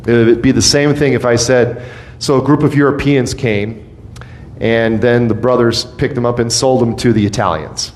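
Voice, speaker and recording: Male pastor, mid-pitched, casual preaching that slips into playful quoted voices, faint low rumble behind. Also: steady tone, moderate pace, darkish tone. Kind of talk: sermon.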